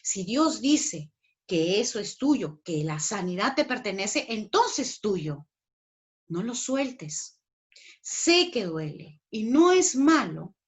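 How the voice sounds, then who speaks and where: A woman with a Peruvian Spanish accent preaching a teaching sermon, emphatic, acting out the voices of doubt and faith. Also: medium pitch. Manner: emphatic, acts out inner voices.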